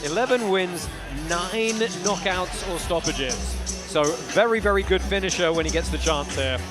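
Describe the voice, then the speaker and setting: A man with a fairly high voice does live play-by-play fight commentary. Music and an arena crowd are clearly heard behind him. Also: normal speed.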